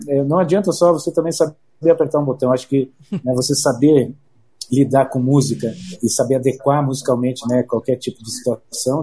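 Husky, mellow Brazilian man explaining things. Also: mid-range voice. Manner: halting, frequent "né" tags and repeated words. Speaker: interview guest, DJ and DJ instructor. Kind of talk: casual explanatory interview talk.

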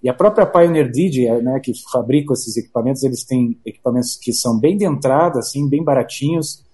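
A Brazilian man talks as an interview guest, explaining his trade casually. His voice is husky and very mellow, at a middling pitch, and he often restarts and adds little tag questions. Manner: halting, frequent "né" tags and repeated words.

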